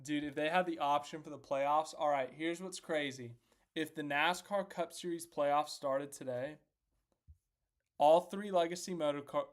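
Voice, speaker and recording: A man hosting a casual racing recap live stream, chatty and self-deprecating, reacting out loud as he works through standings on screen. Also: fairly high pitch. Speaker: host of a racing recap livestream.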